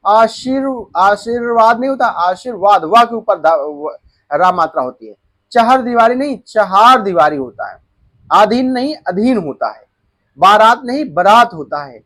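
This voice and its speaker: Young male exam tutor, high voice, repeats answers and checks in with the class. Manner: explains answers by repeating them and checking in with students. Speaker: exam coaching teacher. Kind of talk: Hindi exam-prep lesson.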